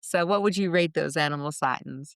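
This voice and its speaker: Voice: mid-range voice, a little fast, fairly bright tone, clean tone, no echo, studio quality. A podcast host interviewing a guest in a playful, teasing way. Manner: playful, teasing, laughs often. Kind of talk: casual interview chat.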